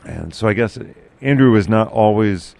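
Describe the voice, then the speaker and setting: This podcast host talks through local news in a relaxed way, his low, gravelly male voice booming loudly. His intonation is lively, but his delivery halts often, full of fillers and false starts.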